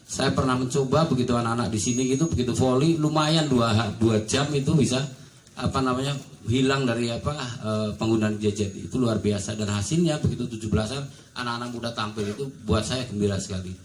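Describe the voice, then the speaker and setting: A man's voice: medium pitch, fairly quick. A man who heads a neighborhood association, speaking at a community meeting, rambling with many fillers and often addressing the officials present. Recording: echoey room with faint background noise.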